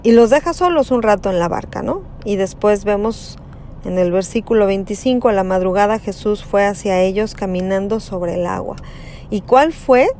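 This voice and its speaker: A woman giving a slow, conversational reflection on a Gospel passage, often adding tag questions. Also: medium pitch, dark tone, slight background noise. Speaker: preacher.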